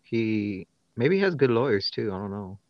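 A man's voice: on the low side, big pitch swings, moderate pace, dry recording, highs cut off. A young man co-hosting a podcast, laid-back and slangy, rambling in casual chat. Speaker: podcast co-host.

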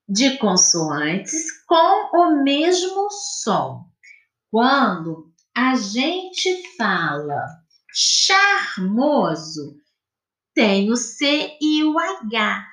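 A woman teacher with a Brazilian accent giving a recorded lesson to pupils. She explains slowly and patiently, spelling out sounds and syllables. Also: sits high, fairly bright tone. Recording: echoey room.

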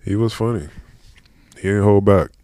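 A man's voice: fairly low pitch, normal speed, dark tone, dry recording. A man hosting a podcast, from San Francisco, joking and teasing his co-host in blunt casual chat.

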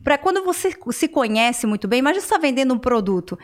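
A Brazilian woman with a high, bright-sounding voice talks at a rapid clip. She tells stories animatedly as a career strategist guest on a podcast. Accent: Brazilian Portuguese. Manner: self-described high voice, animated storytelling. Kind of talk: podcast interview.

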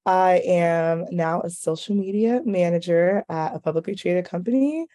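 An American woman talks casually as a podcast guest. Her tone is mellow and warm, pitched a little low. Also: moderate pace. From California, United States. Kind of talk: casual chat.

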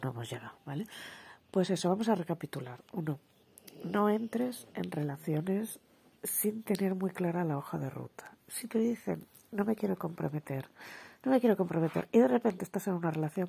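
Low, gravelly-voiced woman. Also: warm tone. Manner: chatty, frank, self-correcting, keeps asking "vale". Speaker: podcast host. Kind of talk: solo podcast talk on relationships.

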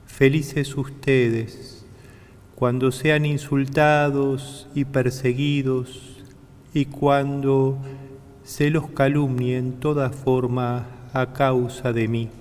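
A man reading the gospel at Mass as priest, solemn and even, in a long church reverb. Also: mid-range voice. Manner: slow, even, solemn delivery. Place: large church.

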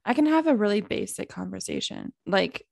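Gravelly-voiced woman hosting a podcast. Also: medium pitch, big pitch swings, a little mellow, no room sound, clean studio sound. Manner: chatty, eager, quick asides. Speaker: podcast host. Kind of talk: casual interview chat.

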